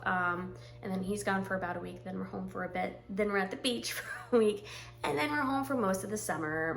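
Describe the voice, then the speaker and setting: A woman in her forties chatting casually to camera about her stitching, rambling with frequent ums and throat clearing. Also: on the low side. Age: 40s. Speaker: stitching vlogger.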